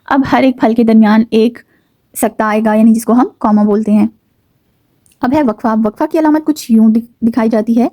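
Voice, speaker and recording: A woman teaching a grammar lesson, explaining patiently with occasional fillers and slowing down to stress key words. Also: fairly high pitch, fairly even intonation, dark tone, no room sound. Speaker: Urdu teacher.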